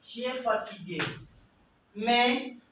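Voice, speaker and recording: A man teaching a French class, slowly repeating phrases and examples for his learners. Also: extremely high pitch, a little hiss or hum. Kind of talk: classroom language lesson. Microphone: far from the mic. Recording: echoey classroom from far off, dull lo-fi sound.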